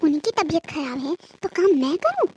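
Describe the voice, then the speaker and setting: Woman voicing a spoiled lazy cartoon daughter, high-pitched, bratty, faint hiss behind. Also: big pitch swings, moderate pace, darkish tone. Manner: bratty and dismissive. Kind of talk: cartoon voice acting.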